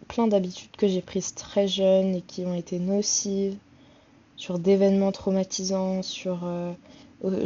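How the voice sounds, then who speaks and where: A woman's voice: mid-range voice, warm tone, dull audio. A woman in her twenties from France hosting a solo podcast, talking casually with frequent hesitations and restarts. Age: 20s. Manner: hesitant, many fillers and restarts. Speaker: podcast host.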